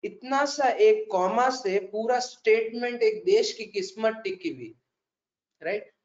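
A man's voice: high voice, lively intonation, slow. A man with an Indian accent teaching an interactive classroom lecture, mixing Hindi and English, joking and quizzing students by name. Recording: echoey room, dull conference recording.

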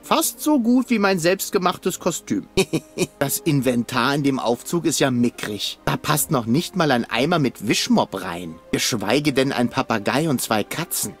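A man's voice: mid-range voice, expressive, soft background music, lightly acted. An actor playing a cocky, scheming young man in an adventure game, boastful and flippant. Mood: musing. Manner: boastful, flippant, quick-tongued. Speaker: game protagonist.

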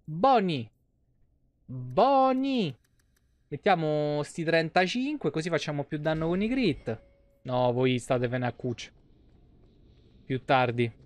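A man from Italy livestreams a game from a small indoor streaming room, offering casual, playful, slangy commentary full of mock exclamations. His voice is a little high and expressive, with a slow pace, frequent pauses and a dry recording.

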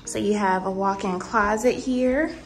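A woman's voice: mid-range voice, a little slow, soft background music. A young woman vlogging casually, chatting straight to her viewers as she shows them around an empty apartment on a handheld phone. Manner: animated, talks straight to viewers with lots of "y'all" and "honey". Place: empty apartment, kitchen and bare rooms. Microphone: phone camera, handheld while walking. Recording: echoey empty room with long reverb.

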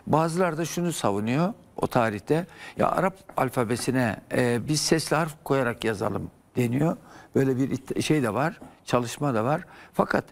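Older man, gravelly, lecturing historian. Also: mid-range voice, lively intonation, normal speed. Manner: professorial, explains at length with many hesitations. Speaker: historian guest. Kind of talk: explanatory studio talk. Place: TV studio.

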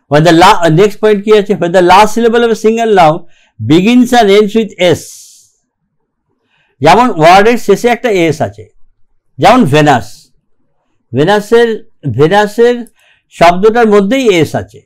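A man teaching English grammar in a recorded lecture, reading rules aloud slowly and keeping checking that the class follows. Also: high-pitched, darkish tone. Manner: slow and deliberate, reads English rules aloud, keeps checking "ঠিক আছে?".

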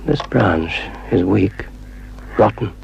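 An actor playing a menacing male water spirit in a public information film, speaking with slow, gloating menace. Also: lively intonation, darkish tone, highs cut off, full character voice. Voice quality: deep gravelly voice.

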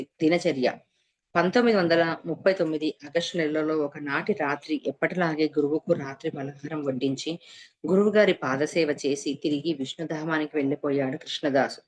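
A woman narrating a devotional story in a steady, measured reading voice. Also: deep voice. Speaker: reader of a devotional serial. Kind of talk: scripted narration.

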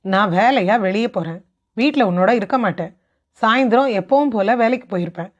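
A woman's voice: on the high side, brisk, dull audio, close to an everyday voice. Woman doing a short-tempered young husband. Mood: irritated. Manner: sharp, lecturing.

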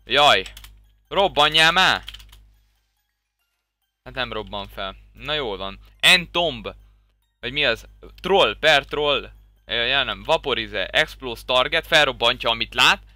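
A young man giving casual, excitable commentary while playing a game, breaking into loud swearing exclamations. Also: mid-range voice, pauses often, no echo, soft background music. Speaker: Minecraft server streamer.

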